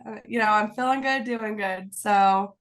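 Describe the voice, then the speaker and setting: A content creator joins a relaxed video-call interview from indoors at home, sounding slightly congested with a cold. She speaks at a medium pitch and takes her time, giggling and rambling cheerfully with plenty of "like"s.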